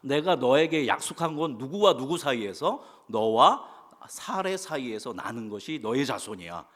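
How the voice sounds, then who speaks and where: A man voicing God as a patient, insistent male figure who keeps his promise, speaking low and firm. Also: expressive, moderate pace, fairly bright tone. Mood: assuring. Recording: long church-hall reverb.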